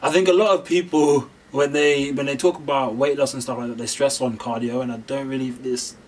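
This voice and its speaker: Laid-back young man, mid pitch. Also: fairly even intonation, brisk, distant mic, a little hiss or hum, poor audio. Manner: laid-back, explains loosely. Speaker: host. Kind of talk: casual chat.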